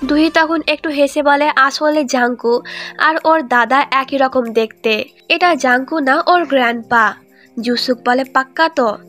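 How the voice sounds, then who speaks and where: A woman's voice: high voice, a little slow, fairly bright tone. A woman narrating a romance drama recap, reading every character's lines in her own voice. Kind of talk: scripted story narration. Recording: faint music behind.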